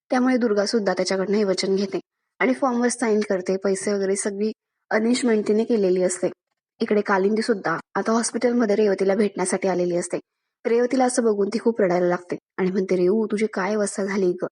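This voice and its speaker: A woman reviewing a TV serial, retelling an episode's events at a steady pace. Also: medium pitch, a little fast, breathy edge. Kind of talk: episode recap narration.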